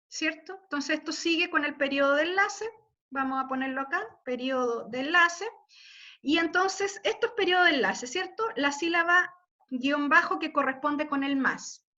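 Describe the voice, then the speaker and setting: Slow, bright-voiced woman teaching online. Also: high-pitched. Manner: slow, patient explaining with frequent check-ins. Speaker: literature teacher. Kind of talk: online class lecture. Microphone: computer mic on video call. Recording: muffled video-call audio.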